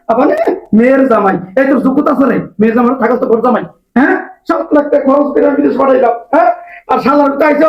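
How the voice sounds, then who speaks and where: A man's voice: very high-pitched, reverberant, lo-fi sound. An actor playing a bossy, scornful father-in-law who scolds and insults. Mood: scolding. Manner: scolding and insulting, repeats himself.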